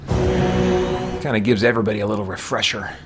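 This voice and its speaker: This middle-aged streamer speaks at a normal speed in a mid-range, sing-song voice. He's casually commentating his gameplay live from a small home office, chatting and thinking aloud over game music.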